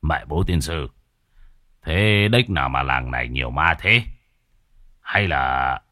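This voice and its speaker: A man voicing a scheming, boastful old male sorcerer who mutters low and brags. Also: bright, forceful tone, no room sound, clean studio sound, full character voice. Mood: muttering alarm.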